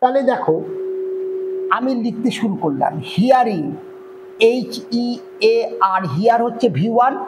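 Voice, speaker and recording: A Bengali-accented man runs an online grammar lesson, with a voice that sits unusually high for a man. He walks through each point step by step and keeps checking whether the class has followed. A faint hum of ambient noise sits under the recording. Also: animated, normal speed, long pauses. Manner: explains step by step, often checks "clear?". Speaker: grammar teacher.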